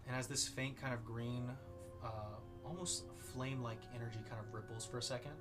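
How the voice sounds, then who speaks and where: Man narrating dark fantasy over loud music. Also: medium pitch, steady tone. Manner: dramatic, deliberate descriptive phrasing. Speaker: game master. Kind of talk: narrating a tabletop fantasy horror game.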